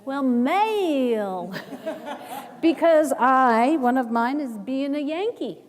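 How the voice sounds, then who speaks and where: A woman's voice: high-pitched, slow pace, in a large hall. A woman from the northern United States leading a workshop, conversational and checking in with her audience. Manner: conversational, asks "right?". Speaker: workshop presenter. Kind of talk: workshop presentation.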